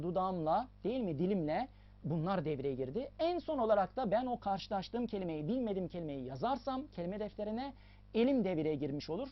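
Lively, emphatic woman teaching a lesson. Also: mid-range voice, dull audio. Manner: emphatic, repeats key points to the viewer. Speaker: English teacher. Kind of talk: explanatory lesson.

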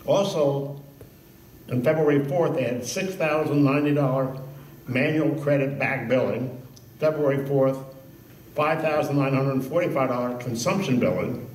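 A man's voice: mid-range voice, moderate pace, darkish tone, distant mic, slight background noise. Older man listing billing dates, echoey hall. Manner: reads a list of dates and sums. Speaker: public hearing speaker. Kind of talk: public comment at a hearing. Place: large hall. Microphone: podium mic on a stand.

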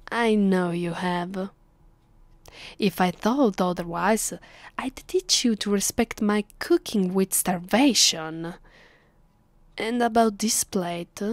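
The speaker is a voice actress from Italy with an Italian accent, performing a slow, close, often whispered ASMR roleplay as a haughty vampire mistress who is possessive, condescending and bossy toward her captive. She sounds smug and teasing at a medium pitch, recorded dry on a close mic with no room sound.

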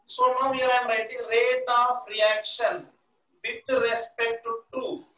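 Here the Indian-accented chemistry teacher is slow and flat in delivery, though his very high voice stays bright and forceful. Standing at a classroom blackboard for a live online class, he repeats himself and invites listeners to fill in his sentences. Captured by a far-off camera mic, the recording sounds distant and echoey.

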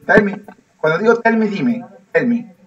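Male English teacher, patient and repetitive, slightly high voice, muffled distant sound. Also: very animated, moderate pace. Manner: repetitive, coaxing, laughs often. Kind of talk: online class teaching, mixing Spanish and English. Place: online video class.

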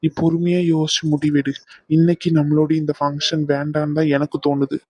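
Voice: medium pitch, level tone, a little fast, dark tone, no echo, close to an everyday voice. Brief: voice actor as a short-fused young cartoon lover, blunt and heated, dry close sound. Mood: hurt, earnest. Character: young man, hot-tempered lover. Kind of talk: Tamil cartoon dubbing.

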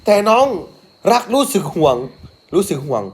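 A man's voice: high-pitched, moderate pace, creaky, breathy edge. A young adult father, casually reading a picture book to his kids on a live stream and joking about his own mistakes. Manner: animated, jokey, laughs at his own misreadings.

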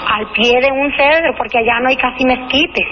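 A high-voiced woman tells her ghost story at length over the phone. Her call comes through dull and lo-fi, with a clear hiss behind it. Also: moderate pace. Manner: rambling, emotional storytelling with regional rural speech. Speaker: caller. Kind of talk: telling a personal ghost story. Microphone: telephone.

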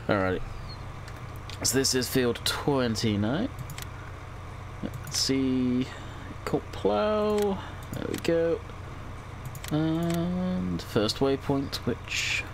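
Stuffy from a cold, a young man hosting a gaming channel chats casually in a medium-pitched voice, musing aloud during his let's-play. Background noise runs throughout.

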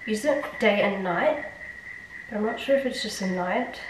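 Heavy background noise surrounds this young beauty vlogger as she talks at a moderate pace in a medium-pitched, nasal voice clogged by blocked sinuses. Recorded on a distant mic in an echoey bathroom, her skincare chat is rambling and self-deprecating.

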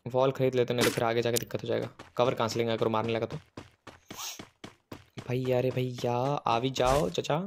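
Excitable male gamer with game gunfire behind. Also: medium pitch, brisk, creaky, heavy background noise. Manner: excitable, teasing enemies, rambling chatter. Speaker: gaming streamer. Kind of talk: live gameplay commentary.

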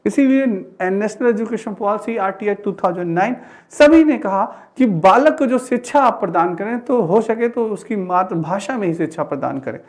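A high-pitched, expressive man in his thirties talks at normal speed while giving an exam-prep lecture in an indoor studio with a digital teaching board. He explains by repeating phrases and asking rhetorical questions.

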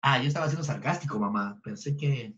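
Talking fairly quickly with a fairly bright tone, this online chemistry tutor keeps his review session jokey, teasing the students as he goes. The recording sounds dull and low-fidelity.

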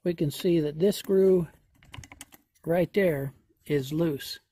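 A man doing a hands-on repair walkthrough outdoors, talking slowly and folksily with many fillers as he thinks aloud. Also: fairly high pitch, dark tone, slight background noise. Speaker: homesteader vlogger. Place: outdoors in a yard.

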